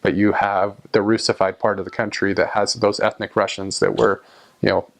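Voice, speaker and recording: A relaxed man with a low voice and vocal fry talks casually to camera as a vlogger recounting his time abroad. He rambles, using frequent fillers and restarts.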